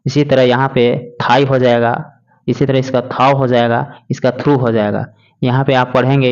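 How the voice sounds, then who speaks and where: A man teaching a lesson, slowly and patiently spelling out words letter by letter. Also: medium pitch. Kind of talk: classroom lesson explaining English words in Hindi. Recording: dull lo-fi recording.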